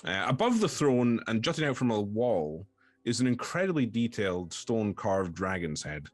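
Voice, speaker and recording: A man's voice: fairly low pitch, very animated, moderate pace, no room sound, soft background music. A man narrating a tabletop game as game master, hesitant and full of ums while describing scenes.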